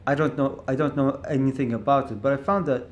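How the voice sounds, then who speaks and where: This vlogger, a man with a medium-pitched, steady voice, speaks briskly in a reflective solo monologue to camera, and the audio sounds dull. He thinks aloud hesitantly, stuttering on syllables and restarting as he searches for words.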